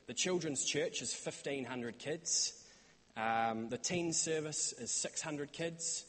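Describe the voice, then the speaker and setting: A young man with a New Zealand accent gives an earnest church talk about his mission stay, often pausing with "um" and "uh". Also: on the high side, a bit bright. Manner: earnest, many "um" and "uh" fillers. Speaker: church intern giving a report. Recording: reverberant hall sound.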